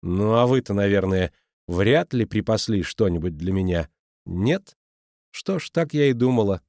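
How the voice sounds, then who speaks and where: A man's voice: on the low side, lively intonation, moderate pace, a little mellow, no room sound, clean studio sound. A man voicing a bold, teasing teenage girl who talks in a cheeky, colloquial way.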